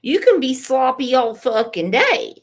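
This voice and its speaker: Slightly rough and high, her unhurried voice carries a casual live stream where she reads out chat comments. Her commentary is animated, full of swearing and emphasis, and she's clearly losing her voice.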